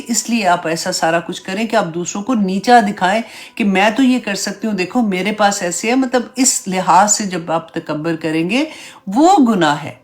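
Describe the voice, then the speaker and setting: A woman teaching an online Islamic class in a conversational way. She often drops English words into her Urdu and checks in with her listeners. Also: medium pitch. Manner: checks in with listeners, "right?", "hai na?". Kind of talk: online religious class lecture.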